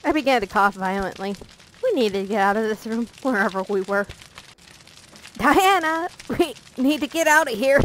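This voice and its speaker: A woman's voice: on the high side, expressive, moderate pace, fairly bright tone, a little hiss or hum, poor audio. A woman reading a visual novel aloud as a let's play narrator, playful and breaking off for jokey asides.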